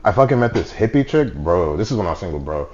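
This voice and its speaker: A young man and podcast co-host telling a story in casual chat, repeating himself and dropping low when he quotes people. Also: quick pace, lo-fi sound. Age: young adult. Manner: animated, repetitive storyteller, drops into low voice for quotes.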